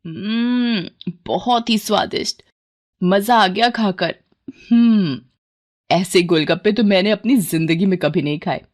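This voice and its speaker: A woman's voice: medium pitch, measured pace, a little mellow, lightly acted. A woman voicing a cheerful young village woman gushing over food. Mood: delighted. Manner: gushing, delighted.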